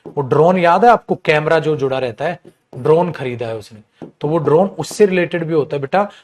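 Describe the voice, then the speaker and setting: A middle-aged man teaching an exam-prep English lesson, calling students "beta", stretching out key words and reading sentences slowly. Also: on the high side.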